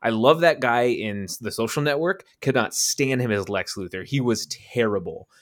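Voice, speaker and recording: A man's voice: medium pitch, moderate pace. A man co-hosting a casual movie podcast, ranting with profanity and incredulous laughter. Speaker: podcast co-host.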